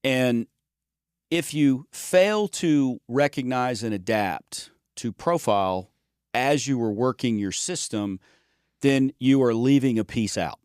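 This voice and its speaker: In a clean studio recording with no room sound, a man talks slowly, his medium-pitched voice smooth and a little mellow. He co-hosts a sales podcast and trains salespeople, chatting casually in a folksy, joking manner that often trails off and restarts words.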